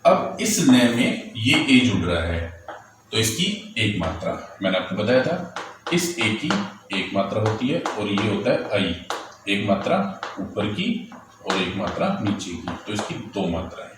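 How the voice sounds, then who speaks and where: A man with a low voice teaches a lesson on writing letters and vowel signs, moving patiently from one step to the next. He often asks a question and answers it himself. The sound is very echoey, with the mic some distance away and faint noise behind him. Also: sing-song, unhurried. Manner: patient explaining, poses and answers his own questions.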